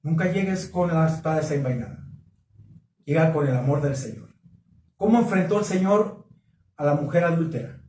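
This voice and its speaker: Animated preacher, high voice. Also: male voice, normal speed, long pauses. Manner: animated, asks the congregation questions. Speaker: pastor. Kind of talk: sermon at a marriage conference. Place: church hall. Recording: echoey hall, mic from a distance.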